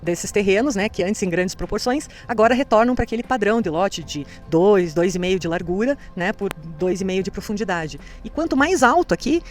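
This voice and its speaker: Fast-talking woman leading a cemetery tour. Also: mid-range voice, lively intonation, soft background music. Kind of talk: guided tour explanation.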